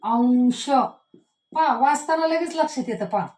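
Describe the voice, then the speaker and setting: A woman teacher with a fairly high voice walks through a grammar lesson. She draws out each example word slowly and keeps ending sentences with the same tag word. Her voice rings in an echoey room. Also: lively intonation, mellow. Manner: repeats a tag word at line ends; slows and stresses words she demonstrates.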